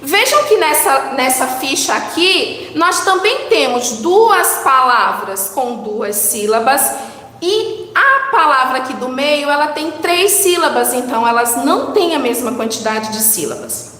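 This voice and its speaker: A woman teacher counting syllables with young children, drawing out words slowly and coaxing answers with questions. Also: high-pitched, very animated, pushed and bright, slight background noise. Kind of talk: children's lesson, slow and sing-song. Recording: echoey room with long reverb.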